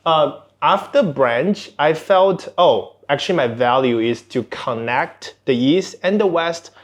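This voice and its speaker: With a somewhat high voice, lively intonation, and a measured pace, a man chats informally as a podcast guest. He is a tech executive of Chinese cultural background born outside Singapore, and he keeps restarting his sentences.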